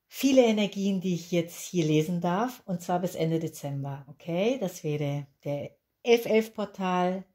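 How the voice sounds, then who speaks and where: A woman's voice: fairly low pitch, expressive, a little slow, warm tone. A woman in her fifties, born in Peru, giving a chatty, reassuring tarot reading at a candlelit table and repeating words for emphasis. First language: Spanish. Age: 50s. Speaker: tarot reader.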